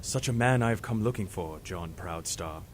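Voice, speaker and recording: A man plays a commanding, high-minded professor in a superhero audio drama. He speaks in a lowish, formal, grandiloquent voice over a faint rumble. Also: moderate pace, close to an everyday voice. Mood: assured.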